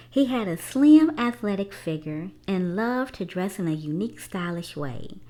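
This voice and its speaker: In a medium pitch, a woman reads a children's story aloud with lots of expression, deliberately pausing between phrases.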